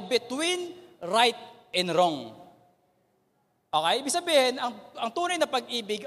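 A man teaching a Taglish Bible lesson to a youth group, animated and asking "okay?" again and again. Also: sits high. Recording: long reverb of a hall.

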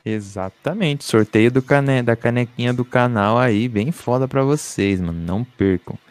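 A man's voice: mid-range voice, normal speed, dry recording. A Brazilian man co-hosting a live podcast with informal banter, slangy and swearing freely. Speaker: podcast live stream co-host.

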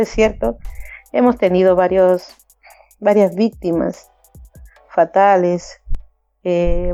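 A woman around fifty speaks with fiery conviction as an interview guest. Her voice is mellow and warm. It is recorded dry and close, with faint music underneath. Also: medium pitch, no echo. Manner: passionate, acts out others' voices with laughter. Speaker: migrant community organizer, guest. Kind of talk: animated interview talk.

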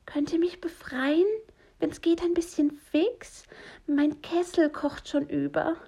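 Woman doing a high, flustered storybook witch. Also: fairly even intonation, slow, gravelly, warm tone, heavily acted.

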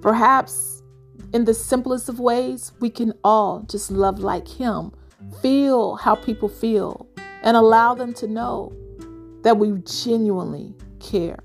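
A woman hosting a reflective devotional talk, speaking gently and measuredly with pauses. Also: fairly high pitch, gravelly, faint music behind. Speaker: podcast host.

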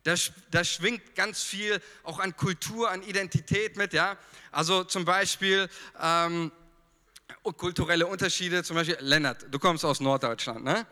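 A man from Franconia with a Franconian German accent preaching a lively sermon, talking straight to his congregation with fillers and humor. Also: sits high, normal speed, in a large hall.

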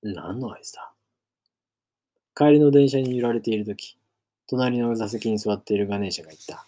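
A man narrates a novel in a low, husky voice. His reading is even and measured, steady from line to line. It is scripted storytelling read aloud. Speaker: reader.

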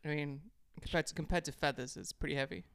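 Gravelly man rambling through deadpan jokes. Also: fairly high pitch, quick pace. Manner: rambling, stop-start setup of deadpan jokes. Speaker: podcast co-host. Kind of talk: casual comedic chat.

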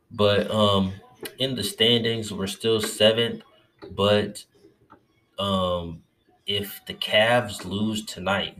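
A man giving a casual, profane recap of his team's win, excitable and swearing often, while getting over covid and feeling a bit lightheaded. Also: sits low. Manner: loose, profane, excitable fan talk. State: recovering from covid, a little lightheaded. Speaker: sports fan vlogger.

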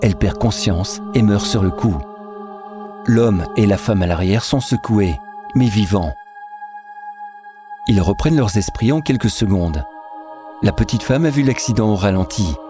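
A man with a fairly low voice narrates a story, telling it steadily and descriptively. Clear music plays behind him throughout. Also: lively intonation, measured pace, pauses often.

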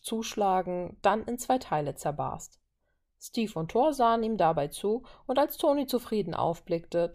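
A woman reading a story aloud in a calm, even way. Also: mid-range voice. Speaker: reader. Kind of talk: reading fan fiction aloud.

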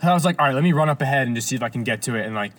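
A man telling a long story in casual chat, animated and full of swearing and laughter. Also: medium pitch, rapid-fire.

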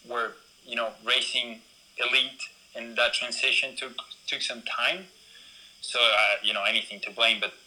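A man's voice: mid-range voice, pushed and bright, rough recording. A young man from Ecuador, a BMX racer, talking casually in an interview with lots of fillers and restarts. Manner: rambling, many fillers and restarts.

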